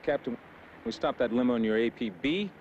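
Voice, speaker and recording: A firm, dutiful patrol officer played by a man in a 1970s TV crime drama. His mid-range voice moves widely in pitch, clipped and formal, under very loud traffic noise. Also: animated, fairly quick, muffled recording, close to an everyday voice. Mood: formal, businesslike.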